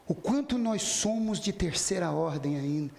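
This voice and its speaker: A man's voice: high-pitched, expressive, moderate pace, vocal fry, a little mellow, a little hiss or hum. A man giving a spiritist lecture, telling a story and acting out the quoted dialogue while speaking straight to his listeners. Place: spiritist center lecture hall. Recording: echoey hall.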